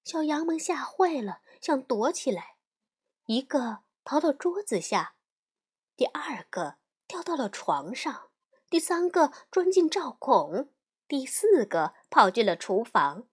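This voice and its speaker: A woman storyteller host narrating a fairy tale as a gentle bedtime story for children. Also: high voice, big pitch swings, slow pace. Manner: gentle, addresses child listener.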